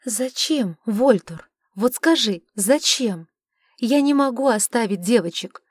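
A woman voicing a sharp-tongued, sarcastic witch in an audiobook, scolding and mocking. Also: on the high side, lively intonation, slow pace, husky, no room sound, clean studio sound, full character voice. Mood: earnest, reproachful. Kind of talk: audiobook character reading.

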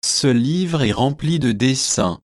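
A man's voice: mid-range voice, animated, slow pace, no room sound, clean studio sound. A man reading the part of a chatty, forgetful young newly married woman in an audiobook, with gushing, eager speech.

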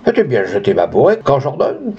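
A man's voice: medium pitch, wildly swooping pitch, fairly quick, dark tone, husky, full character voice. A man playing a cruel, pompous rich landowner who bullies and boasts, in a dull lo-fi recording. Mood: furious. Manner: boastful, then furious and bullying.

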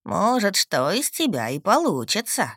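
A woman voicing a short, stocky old male gnome gatekeeper with a creaky voice and a mocking, gruff drawl in an audiobook. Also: medium pitch, big pitch swings, a little slow, fairly bright tone, no room sound, clean studio sound, exaggerated voice. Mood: approving. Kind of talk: audiobook character voice.

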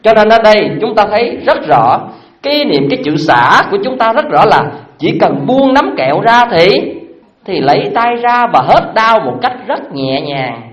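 A Buddhist dharma teacher, giving a sermon with lively storytelling and many questions put to the listeners. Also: medium pitch, normal speed, echoey room, lo-fi sound. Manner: lively storytelling with frequent rhetorical questions to the audience.

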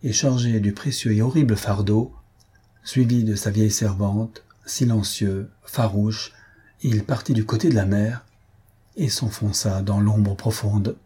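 A man reading a classic adventure novel aloud as an audiobook narrator, dramatic and measured. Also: lowish voice, fairly even intonation, dark tone, slightly rough. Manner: dramatic reading, voicing characters lightly. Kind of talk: scripted narration.

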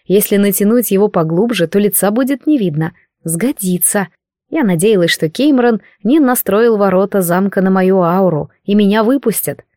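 A woman narrating a first-person audiobook in a wry, expressive way. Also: medium pitch, normal speed, no room sound, studio quality.

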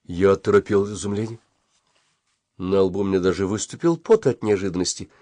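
A man narrating a first-person story at a measured pace. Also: low-pitched, warm tone, no room sound. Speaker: audiobook reader.

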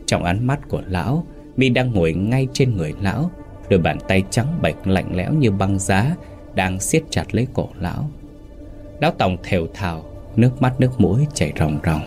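A man narrating a horror story in a dramatic, measured way. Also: deep voice, animated, a little mellow. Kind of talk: scripted ghost story narration. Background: faint music.

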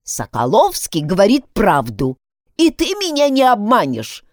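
A woman's voice: a little high, huge pitch swings, a little slow, a little mellow, no echo, studio quality, pitched above the performer's own voice. A woman voicing a grieving, angry old village grandmother who pleads shrilly and tearfully. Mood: insistent.

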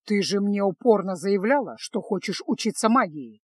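A woman reading a storybook, voicing a gruff, sardonic male mage in a curt, grumbling manner. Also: mid-range voice, expressive, moderate pace, no room sound. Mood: irritated.

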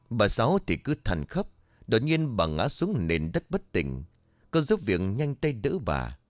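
A man narrating a ghost story in a low voice. His reading is expressive, with pitch that rises and falls dramatically, and it is recorded close and dry with no room sound. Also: no room sound.

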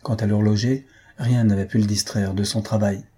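A man narrating a comic story for an audiobook, steady and even. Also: lowish voice, moderate pace, husky.

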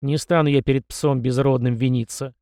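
A man's voice: medium pitch, fairly even intonation, a little fast, a little mellow, no room sound, clean studio sound, lightly acted. A man reading an audiobook and voicing an arrogant, hot-tempered teenage prince who speaks haughtily and stubbornly. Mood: haughty. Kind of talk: audiobook character voice.

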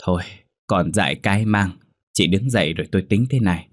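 A practical village woman lays out a plan calmly, as a man puts her on for a narrated story. The delivery is measured, with a low voice and a dry, close sound. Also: no room sound. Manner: slow, measured, reasoning. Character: calm practical middle-aged village woman.

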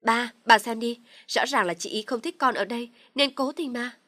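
A woman voicing a young sister-in-law who shouts accusations in a high, loud voice in an audio story. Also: lively intonation, fast talker. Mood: shrill accusing.

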